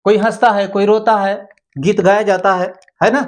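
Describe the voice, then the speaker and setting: A man's voice: sits high, level tone, moderate pace. A male teacher giving an exam-prep grammar lesson, repeating key terms and asking rhetorical questions.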